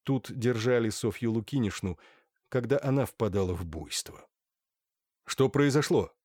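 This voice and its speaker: A man narrating a period novel in an expressive storytelling manner, close to the mic. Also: fairly low pitch, moderate pace. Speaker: audiobook narrator. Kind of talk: scripted narration.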